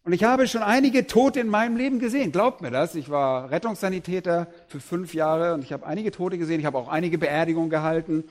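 A man's voice: fairly high pitch, quick pace, hardly any pauses. A middle-aged man preaching a sermon, reading Bible passages aloud and then expounding them with emphatic rises.

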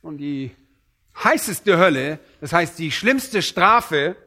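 A man preaching a sermon, quoting scripture with slow, emphatic weight and dropping low on solemn phrases. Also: animated, pushed and bright. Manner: emphatic, slows down and raises voice on quoted scripture.

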